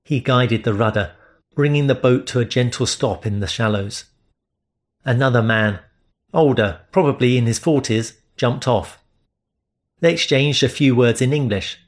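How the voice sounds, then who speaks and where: A man reading first-person romance narration in a steady, measured way. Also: medium pitch. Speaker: audiobook narrator.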